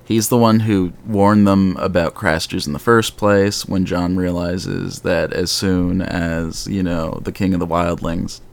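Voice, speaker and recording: Deep-voiced guy rambling on a podcast, gets worked up and swears now and then. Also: a little slow, creaky, few pauses. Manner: rambling, animated, swears casually. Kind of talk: casual fan discussion.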